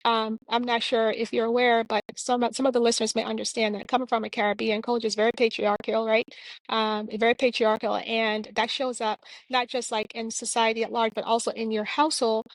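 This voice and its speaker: A woman's voice: fairly high pitch, little pitch movement, a little fast, dry recording, rough recording. A woman from Jamaica, a clinician and author, answering interview questions in a reflective, earnest way with frequent fillers.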